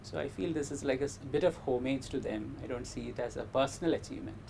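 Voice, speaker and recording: Educated indian guy, well-spoken n modest, gravelly creaky voice, answering interview questions, bit of background noise. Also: mid-range voice, fast. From Kerala, India. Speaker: interview guest, meteor scientist. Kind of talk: interview answers, personal career story.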